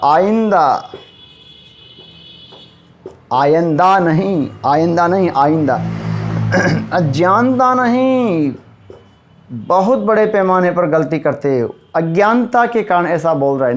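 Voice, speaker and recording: Slow, emphatic high-voiced male teacher. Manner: emphatic, repeats correct word forms slowly; addresses students directly, asks and answers himself. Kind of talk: spoken Hindi grammar lesson.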